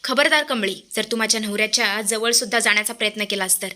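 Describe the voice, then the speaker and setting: A woman's voice: mid-range voice, fast, bright, forceful tone, lightly acted. A woman voicing a proud, domineering mother-in-law who insults a young girl in a narrated TV-serial recap. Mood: contemptuous. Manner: harsh, contemptuous.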